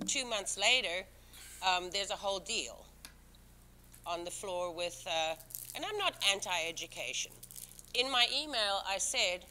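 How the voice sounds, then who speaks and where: This town commissioner, a non-native English speaker, sounds pushed and bright at medium pitch as she speaks emphatically and defensively at a public board meeting, with many restarts. The setting is a town council meeting room, and the low-quality recording has slight background noise.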